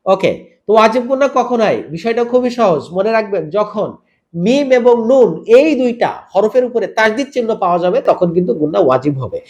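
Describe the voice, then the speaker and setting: A man teaching Quran recitation rules, spelling out each letter and vowel mark and then drawing the words out slowly in a chanted style, asking the listener to repeat. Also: high-pitched, expressive, a little mellow, highs cut off. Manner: asks the listener to repeat after him. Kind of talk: step-by-step tajweed lesson.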